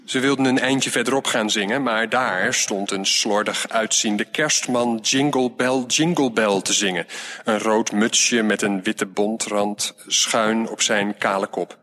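A man reading a children's story aloud in a lively, plainspoken way. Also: lowish voice, measured pace.

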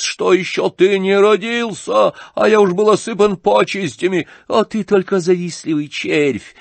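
A man's voice: mid-range voice, vocal fry, no room sound, voice pushed up, exaggerated voice. A man voicing a pompous, furious old retired general who declaims and thunders with indignation.

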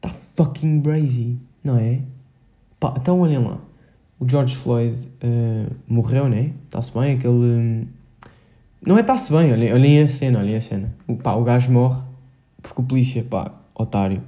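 A teenage boy with a Portugal Portuguese accent rambles hesitantly through a casual solo podcast, his speech full of filler words and slang. His male voice is medium-pitched and dark, at a moderate pace, and the recording sounds muffled.

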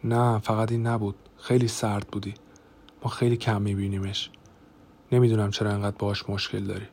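A man voicing a calm husband who gently questions his wife, in an audiobook. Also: fairly low pitch, husky. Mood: puzzled.

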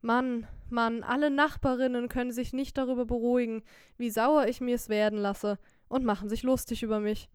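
A woman voicing a young, poor, quick-witted wife in an audiobook, scolding loudly and lamenting theatrically. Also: fairly high pitch, smooth, dry recording, studio quality, natural voice. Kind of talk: audiobook character voice.

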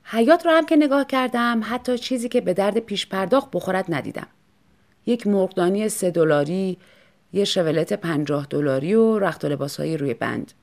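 A woman reading an audiobook story in an expressive, lively manner. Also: mid-range voice. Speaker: audiobook narrator. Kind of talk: scripted narration.

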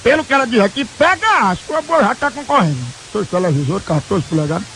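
A man makes prank calls for a radio show. He sounds very high and shrill, and his pitch leaps around in a lively way. He teases and insists on the same demand again and again, over a hissy broadcast recording. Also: fast, low-quality recording. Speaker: radio prank caller and host.

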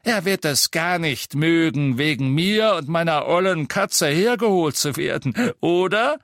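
Gruff older male innkeeper wizard, bellowing, defiant. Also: mid-range voice, animated, slow, no room sound, studio quality. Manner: bellowing, scornful.

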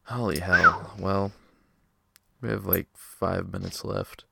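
Deep gravelly young podcast guy. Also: slow pace, very noisy. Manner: excitable, joking, swears freely. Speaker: podcast host. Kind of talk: casual argumentative chat.

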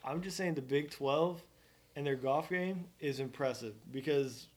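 Man, fairly high voice, from Oklahoma, podcast co-host, rambling, joking, casual golf chat. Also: measured pace, a little mellow. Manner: joking, rambling, self-mocking.

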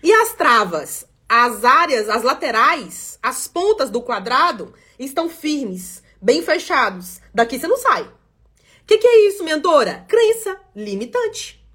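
Animated high-voiced woman mentor. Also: measured pace, slightly rough. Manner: animated, acts out listeners' complaints in quotes. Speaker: mentor and podcast host. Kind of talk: live motivational talk.

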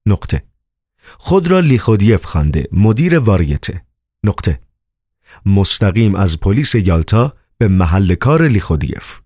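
A man narrating an audiobook novel in an expressive, dramatic reading manner. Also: low voice, husky, no room sound, clean studio sound.

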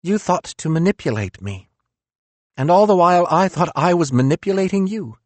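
A man's voice: high voice, animated, moderate pace, darkish tone, no room sound, pitched above the performer's own voice. A man doing a weary, proud philosopher in pain. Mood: probing. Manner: intense, accusing, weak-voiced. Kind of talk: audiobook character voice.

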